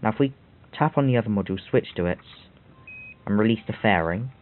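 A man's voice: on the low side, fast talker. A man giving rambling game walkthrough commentary with self-mocking asides. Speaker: game tutorial host. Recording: tinny phone-like audio.

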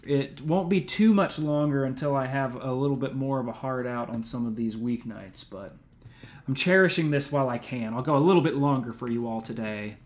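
Speaking fairly quickly at medium pitch, a man in his twenties gives live-stream let's play commentary that meanders casually. He's laid-back, saying "um" a lot and tossing in "dude" and "man."

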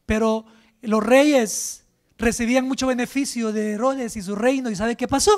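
A man's voice: very high voice, steady tone, moderate pace. A man, a pastor, preaching emphatically to a live congregation in a church, firing rhetorical questions at them. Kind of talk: sermon.

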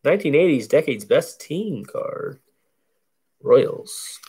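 Warm, husky and a bit sing-song, this man's deep, bassy voice moves at an easy pace as he hosts a card break and opens packs. Each card gets named in laid-back, chatty play-by-play, with the audio coming from a camera above an indoor table full of cards.

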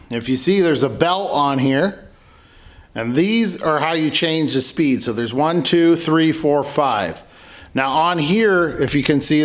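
A man's voice: mid-range voice, a bit bright. Man casually demoing a tool in his garage. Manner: plain, unhurried, self-correcting explanations. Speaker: homesteading channel host. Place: home garage workshop. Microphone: camera mic off-screen, hands in frame.

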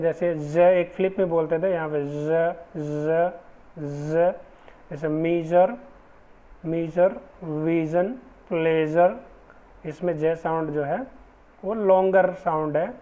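Slow patient male phonetics teacher. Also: fairly high pitch, steady tone, mellow. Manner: patient, deliberate, repeats example words slowly. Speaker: English teacher. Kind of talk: slow classroom lecture on phonetics. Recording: dull lo-fi recording.

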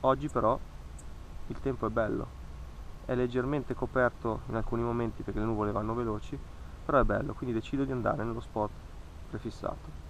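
A fishing vlogger in his thirties gives reflective voice-over narration outdoors by a lake among trees, earnest and cautionary, repeating words for emphasis. His voice is medium-pitched and brisk with fairly even intonation, on a low-quality recording with a little hiss or hum.

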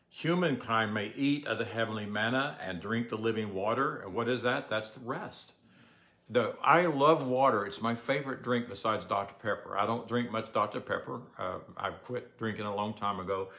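An older man giving a relaxed, conversational sermon, often asking the audience questions. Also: lowish voice, moderate pace. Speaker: pastor. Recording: echoey room.

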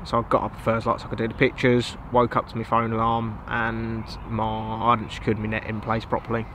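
A young English man vlogging by a lake from his fishing tent, talking in a relaxed, understated way to the camera mic. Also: fairly low pitch, fairly quick. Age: young adult. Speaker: angler vlogger. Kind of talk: casual vlog narration. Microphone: camera mic, seated in front of camera. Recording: outdoor recording with clear ambient noise.

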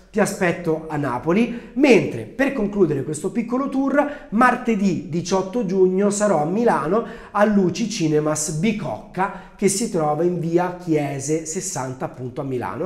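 Male livestream host, earnest storyteller, slightly higher voice, roomy echo. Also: a little mellow. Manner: earnest, storytelling, slows down for emphasis. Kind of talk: casual livestream talk with a Bible reading.

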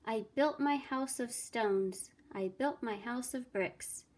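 A dutiful young storybook pig who talks in earnest, rhyming sing-song, voiced by a woman reading aloud. The delivery is unhurried and fairly high, close to an ordinary reading voice. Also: darkish tone, breathy edge. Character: hardworking serious young male pig.

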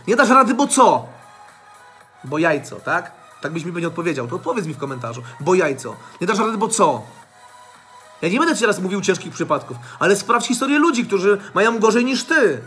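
A man's voice: sits high, sharp tone. A man giving a blunt motivational monologue to his channel, swearing freely and repeating his points over and over. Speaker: motivational vlogger.

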